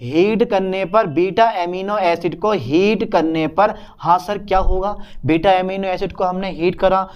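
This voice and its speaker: A man's voice: sits high, unhurried, hardly any pauses, clear, resonant tone. A young man lecturing on chemistry at a whiteboard, talking to his students and answering his own questions in a student's voice. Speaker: chemistry teacher.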